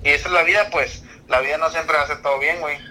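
A man's voice: on the high side, fairly even intonation, fast, bright, forceful tone, poor audio. A man hosting a casual podcast chat, slangy and loose, dropping a casual filler into nearly every phrase. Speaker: podcast host.

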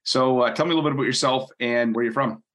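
A man's voice: medium pitch, very fast, fairly bright tone. A man hosting a podcast, upbeat and chatty, introducing his guest and a sponsor. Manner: upbeat, chatty, lots of fillers. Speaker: podcast host. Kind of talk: podcast interview. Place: British Columbia.

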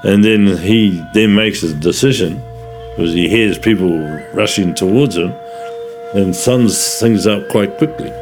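Very deep-voiced New man. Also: unhurried. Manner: relaxed and conversational, with fillers. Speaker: interviewee. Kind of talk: casual spoken commentary. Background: soft music.

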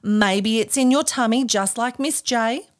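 A woman's voice: a little high, measured pace. An Australian woman hosting a podcast for young children, speaking in a broad, exaggerated, encouraging singsong like children's theatre.

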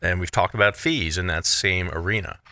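A man talks as a financial advisor hosting his radio show. His lowish voice is forceful and close-miked in a dry studio, with a conversational, explanatory delivery full of "you know". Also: brisk, no echo.

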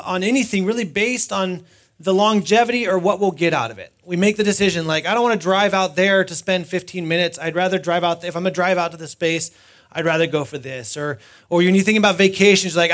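A man's voice: high voice, fairly bright tone. A man preaching a sermon at a pulpit microphone, talking to the congregation in a conversational way and asking rhetorical questions. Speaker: pastor.

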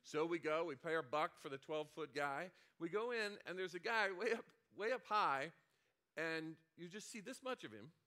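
A man's voice: on the high side, expressive, moderate pace, bright, forceful tone. A middle-aged man, a senior pastor, telling a childhood story in a conversational sermon with frequent restarts and asides.

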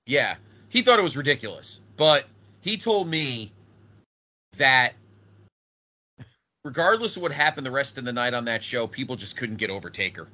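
A man's voice: mid-range voice, normal speed, long pauses, highs cut off. A man talking casually and enthusiastically as a podcast host about retro wrestling, like an avid fan who swears freely. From northeastern United States. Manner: animated, profane, enthusiastic fan talk.

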